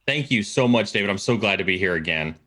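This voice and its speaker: A man's voice: lowish voice, expressive, quick pace, pushed and bright. A man speaking as the guest expert in a casual interview, talking enthusiastically and often repeating words as he starts a thought.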